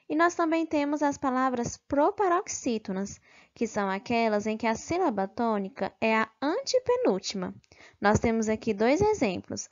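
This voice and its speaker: Woman teacher reviewing grammar, slow and deliberate, dull lo-fi recording. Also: medium pitch. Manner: slow and careful, stresses syllables, checks in with "ok?".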